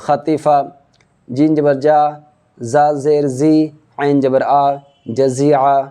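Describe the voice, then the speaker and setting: A man teaching Quran reading in a slow drill lesson, patiently spelling out letters and vowel marks syllable by syllable. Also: a little high, little pitch movement, warm tone, smooth.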